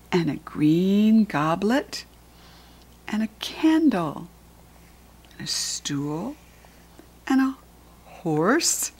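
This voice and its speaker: This older American woman, whose voice is on the low side and slightly rough, reads a picture book aloud to young children. As a read-aloud host and reading teacher, she teaches along the way, asking simple questions and pointing things out.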